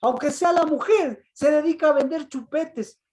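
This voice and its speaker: A woman preaching a sermon in a high voice, throwing the same question back at her congregation again and again. She slips into the voices of the people she quotes, raising her tone to act them out. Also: normal speed, darkish tone, poor audio. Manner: asks the congregation repeated questions; acts out quoted voices with rising emphasis. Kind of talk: interactive sermon.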